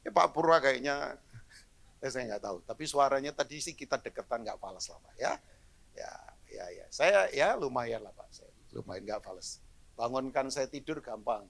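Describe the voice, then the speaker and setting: A middle-aged man preaching a live sermon as pastor to a church congregation, animated and joking, dropping to low asides then rising to loud exclamations. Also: moderate pace, creaky. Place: church hall, in front of a congregation.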